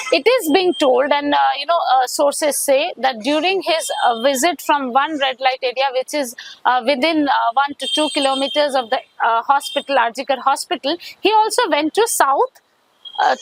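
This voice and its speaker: A woman with an Indian accent giving an investigative news report in a halting way, often repeating and rephrasing. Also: high voice, dry recording, low-quality recording.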